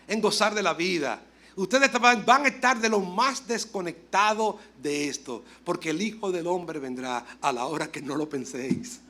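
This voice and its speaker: A male pastor preaching a lively sermon, moving between loud exclamations and quiet asides and acting out dialogue as he tells stories. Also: very high-pitched. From Dominican Republic. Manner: acts out dialogue in storytelling.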